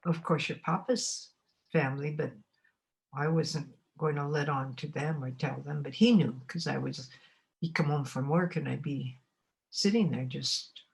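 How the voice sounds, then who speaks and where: This rough recording features a Montana woman in her eighties recalling her life for an oral history. Her low, slightly mellow voice carries vocal fry, and she speaks slowly and thoughtfully, pausing often to gather her words.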